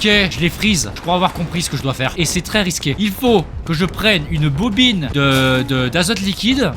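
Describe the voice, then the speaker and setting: A man hosting a let's play video, reacting to a horror game with yelps, swearing and running commentary. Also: sits high. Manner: excitable, swearing, yelping reactions. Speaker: gaming video host. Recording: gameplay audio with loud music behind.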